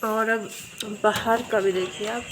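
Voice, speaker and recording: A woman vlogger with a hoarse voice chatting casually to her viewers, filming on a phone at her home at night. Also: medium pitch, fairly even intonation, a little slow. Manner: chatty, talks straight to viewers. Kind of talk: casual festival vlog narration. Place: home at night, indoors and outside. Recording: noisy with crickets behind. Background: crickets and insects chirping.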